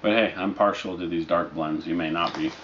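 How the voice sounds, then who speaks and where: A man in his thirties chatting casually to camera as a reviewer, in a laid-back, halting, unscripted way. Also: low-pitched, fairly even intonation, fairly bright tone. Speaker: product reviewer. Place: living room, indoors, on a couch. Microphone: camera mic a short distance away. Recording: dull lo-fi audio with noticeable background noise.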